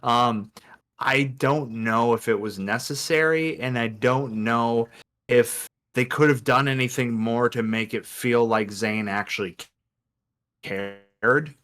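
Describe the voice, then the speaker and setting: A man's voice: mid-range voice, slow, a bit bright. A man co-hosting a wrestling podcast, chatting casually and slipping into mock voices for quotes. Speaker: podcast co-host.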